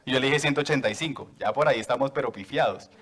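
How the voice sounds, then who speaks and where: A man's voice: medium pitch, racing, fairly bright tone, husky. A man preaching a sermon to a church congregation, joking with them and asking for raised hands.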